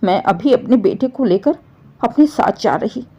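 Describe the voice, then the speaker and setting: A self-pitying young sister-in-law, whiny and accusing, with a pitch that jumps up in outrage, as a woman reads her. The recording is a little dull and lo-fi. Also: expressive, unhurried, mellow, breathy edge, heavily acted. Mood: tearful. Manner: whiny, accusing, rises sharply.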